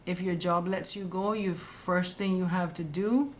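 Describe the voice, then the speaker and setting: A woman's voice: on the low side, fairly even intonation, measured pace, a little hiss or hum. A woman hosting a live stream, explaining immigration rules in a direct, chatty, scolding way and addressing viewers as guys. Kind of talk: casual live-stream explainer answering comments. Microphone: webcam or phone on a live stream.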